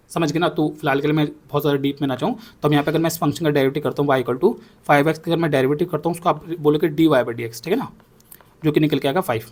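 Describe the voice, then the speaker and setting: A young man teaching a maths class, explaining step by step and checking in often with his students. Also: on the high side. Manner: repeats himself, checks in with "ठीक है ना". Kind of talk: explaining on a whiteboard.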